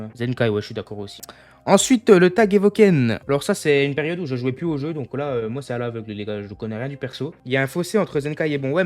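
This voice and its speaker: A man's voice: medium pitch, darkish tone. A young man streaming, chatting casually with his viewers and thinking aloud as he goes. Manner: thinks aloud, keeps addressing the chat as "les gars". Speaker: gaming streamer. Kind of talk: casual live chat with viewers.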